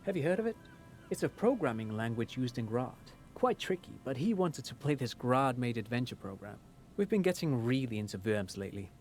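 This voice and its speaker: An actor voices a chatty, trivia-loving father in a video game, lecturing on local history with a professorial cadence. His natural, medium-pitched voice is very animated and brisk, with soft music in the background.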